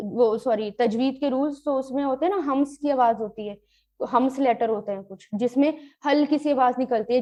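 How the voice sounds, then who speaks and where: A woman teaching a Quran grammar and tafseer lesson, glossing each word slowly and mixing in English terms. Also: sits high, a little mellow. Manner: slow, drawn-out word-by-word glossing with rhetorical questions; mixes English terms into explanations.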